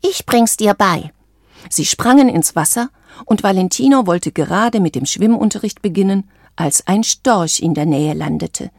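A woman reading a children's storybook aloud in a calm, measured, clear manner. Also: lowish voice, dry recording, studio quality.

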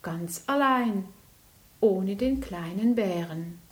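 Slow, gentle woman reading a bedtime story. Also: mid-range voice, animated. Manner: gentle, unhurried.

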